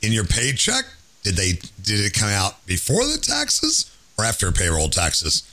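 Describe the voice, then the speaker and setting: A man in his late fifties hosting a podcast, chatting casually in an animated, jokey way with a slightly hoarse voice. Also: fairly low pitch, a little slow. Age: 50s. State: hoarse from laryngitis. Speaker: podcast host.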